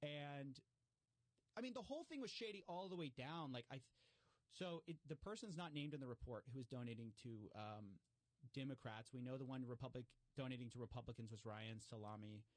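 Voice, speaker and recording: A man talking casually and explaining at length, animated, with frequent fillers and restarts. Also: medium pitch, brisk, dry recording.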